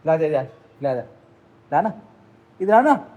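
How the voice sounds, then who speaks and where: Mellow-voiced mother coaxing her kids. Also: sits low, very animated, slow. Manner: scolding and coaxing children, repetitive. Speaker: mother of young children. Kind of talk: casual family home video.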